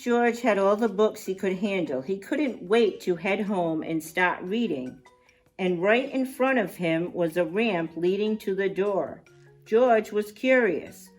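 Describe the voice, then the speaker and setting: With a mid-range voice, a woman performs a picture book for young children in lively storytime style. She draws out words for emphasis and drops in chatty asides along the way.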